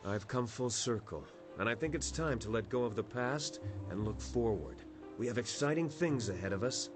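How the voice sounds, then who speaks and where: An actor playing a worldly male warrior companion in a video game, speaking in an earnest, measured, reflective way. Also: mid-range voice, expressive, lightly acted. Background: loud game music.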